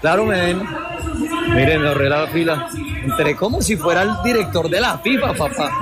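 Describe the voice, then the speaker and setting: A man, filming a live street vlog and chatting excitedly with his viewers in a packed outdoor fan zone. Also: fairly high pitch, moderate pace, over loud music. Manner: excited, chatty, joking with the camera. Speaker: vlogger. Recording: loud crowd noise outdoors.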